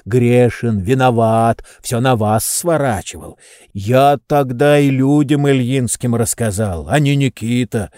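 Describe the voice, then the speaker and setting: A man's voice: medium pitch, a little slow, dark tone, no echo, clean studio sound, close to an everyday voice. A man doing a wheezy, fawning old servant.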